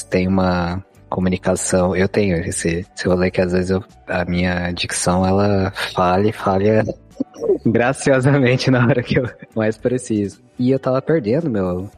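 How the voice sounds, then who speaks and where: Low-voiced man telling anecdotes. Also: a little mellow. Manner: anecdotal, self-deprecating storyteller. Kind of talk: casual chat.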